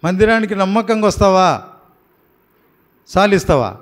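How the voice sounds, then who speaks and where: A pastor from Andhra Pradesh in a prayer house, firmly and coaxingly questioning baptism candidates one by one. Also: male voice, sits high, sing-song, measured pace.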